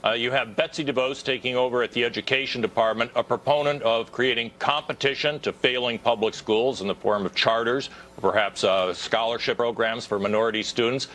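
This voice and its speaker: A man's voice: medium pitch, steady tone, brisk, hardly any pauses, fairly bright tone. A man giving political commentary as a news panelist.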